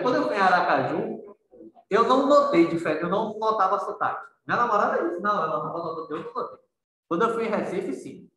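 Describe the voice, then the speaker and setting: High-voiced male teacher in echoey room. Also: sharp tone. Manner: conversational, questions students, frequent tag "né". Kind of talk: interactive writing class on accents. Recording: very echoey room, distant mic.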